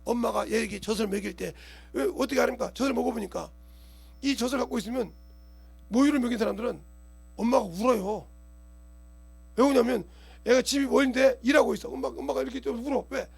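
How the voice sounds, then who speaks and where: A male pastor preaching a sermon in a colloquial, animated way, acting out scenes and keeping on asking the congregation whether they understand. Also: very high voice, fast talker, creaky, pauses often, husky. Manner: animated, acts out scenes with gestures and quoted voices.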